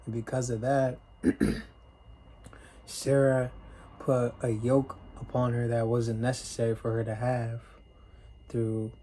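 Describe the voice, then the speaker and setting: Slow, flat-voiced man teaching scripture. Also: medium pitch, slight background noise, low-quality recording. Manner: retells the story in plain speech, clears throat often. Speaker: preacher. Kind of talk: casual Bible teaching.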